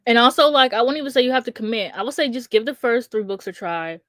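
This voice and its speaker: A woman's voice: a little high, fast talker, fairly bright tone, no echo. Woman in her twenties, casual chat, rambling, lots of restarts, candid, dry close sound. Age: 20s. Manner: rambling, many restarts and fillers. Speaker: streamer host. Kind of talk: casual chat about books.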